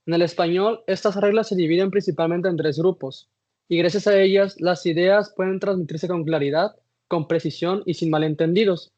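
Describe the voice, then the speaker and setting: A man's voice: high-pitched, fairly even intonation, moderate pace, a little mellow. A man giving a class presentation, reading from slides with some hesitations and restarts. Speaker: student presenter. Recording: dull lo-fi recording.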